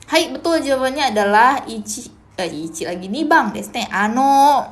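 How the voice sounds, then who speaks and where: A young woman runs a casual live-stream language lesson, talking in a relaxed, chatty way and sprinkling Japanese phrases through her explanations. Her voice sits a little on the high side. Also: normal speed.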